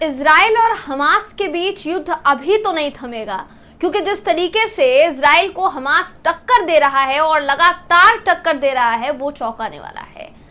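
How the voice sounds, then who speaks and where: A woman news anchor with a high, bright voice, presenting the story earnestly. She explains the events to the audience and keeps calling the viewers her friends. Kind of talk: Hindi news presentation to camera.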